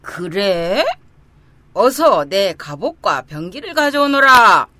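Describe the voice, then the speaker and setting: A woman voicing a haughty, scornful demon king, an imperious and mocking dark lord in a children's storybook. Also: mid-range voice, big pitch swings, slow, no echo, full character voice. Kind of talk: dramatized children's storybook reading.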